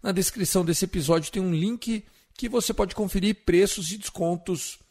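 A man's voice: sits high, normal speed, a little mellow. A man with a Brazilian accent hosting a sports podcast in a casual presenting style. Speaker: podcast host.

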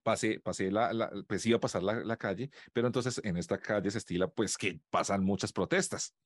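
A young man co-hosting a podcast, telling animated stories and laughing often. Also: fairly low pitch, brisk, dry recording, clean studio sound. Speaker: podcast co-host. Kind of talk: casual podcast chat.

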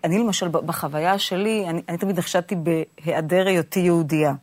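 A woman with a slightly low voice hosts a conversational interview. She probes her points, doubling back on words as she shapes a thought. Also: fairly even intonation, a little mellow. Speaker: podcast host interviewer.

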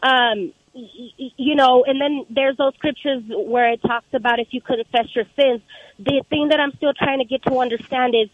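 A woman's voice: high-pitched, fairly even intonation, normal speed, dry recording. Woman caller on tinny speakerphone. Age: 30s. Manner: earnest, hesitant, many ums. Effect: speakerphone over a phone line. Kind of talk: call-in radio question. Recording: tinny phone line.

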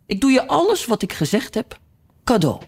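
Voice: medium pitch, sing-song, normal speed, husky, voice pushed up. A reader voicing a pompous old duchess who rambles in morals. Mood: rambling. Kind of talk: audiobook reading.

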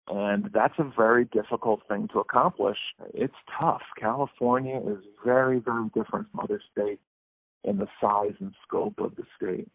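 Husky man speaking emphatically over a phone. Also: medium pitch, no room sound, poor audio. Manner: emphatic, repeats points. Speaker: legal advocacy director. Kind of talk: phone interview. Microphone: cell phone.

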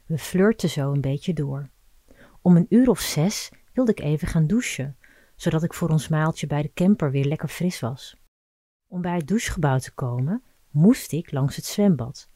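A woman reading a scripted erotic story aloud in an intimate, measured storytelling manner. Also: low voice, expressive, warm tone, no echo. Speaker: narrator.

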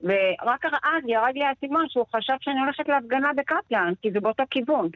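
A woman in her sixties giving a shaken, rushed first-person account on the radio, replaying what was said to her. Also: high-pitched, animated, no echo, phone-quality sound. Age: 60s. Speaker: interviewee.

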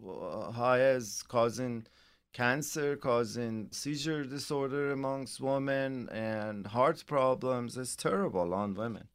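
A man's voice: mid-range voice, takes it slowly, clean tone. A middle-aged man hosting a financial radio show, chatting casually and rambling with many restarts.

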